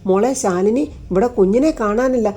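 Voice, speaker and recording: A woman's voice: medium pitch, moderate pace, dark tone, close to an everyday voice. A woman voicing a worried older housemother who asks urgent questions and gives orders. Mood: alarmed.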